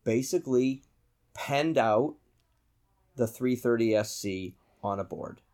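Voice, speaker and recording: A man's voice: medium pitch, slow pace, darkish tone. A man with a Boston accent telling an anecdote casually as a podcast guest, with teasing asides. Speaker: podcast guest, aerobatic pilot.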